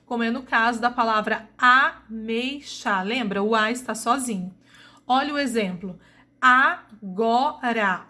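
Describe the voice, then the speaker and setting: Woman teacher, Brazilian Portuguese accent, fairly high voice, recorded lesson, slow deliberate delivery. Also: fairly bright tone. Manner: slow, deliberate, spelling out sounds.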